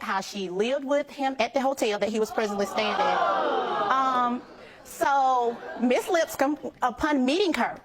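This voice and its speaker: A woman testifying before a judge in a sassy, emphatic way. She keeps addressing the bench. Her voice sits somewhat high. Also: low-quality recording. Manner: sassy, emphatic, keeps saying "Your Honor". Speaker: wife in a paternity case. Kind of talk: courtroom show testimony.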